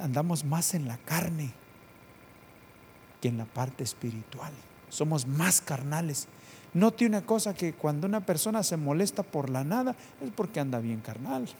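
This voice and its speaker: A man with a medium-pitched voice preaches a sermon, moving between loud, emphatic calls and quiet, prayerful passages and repeating phrases for emphasis. There's slight background noise.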